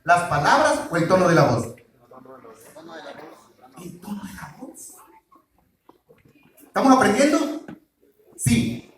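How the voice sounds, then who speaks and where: A man's voice: sits high, sing-song, slow pace, long pauses, fairly bright tone. A man preaching a sermon on marriage, quizzing the congregation with call-and-response questions. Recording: very echoey hall, mic far off.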